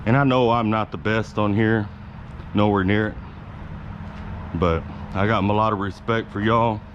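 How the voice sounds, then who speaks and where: Male vlogger, laid-back rambling talk, slangy and sweary, hat-mounted camera, clear vehicle and outdoor noise behind. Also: lowish voice, steady tone, moderate pace, highs cut off. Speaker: YouTube vlogger. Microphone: action camera clipped to his hat.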